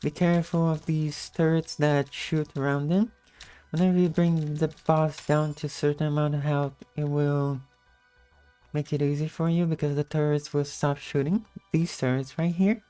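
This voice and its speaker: A woman with a low-energy, just-woke-up morning voice giving a casual gameplay tutorial in commentary style. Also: steady tone, moderate pace, mellow, smooth, faint music behind. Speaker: video game guide narrator.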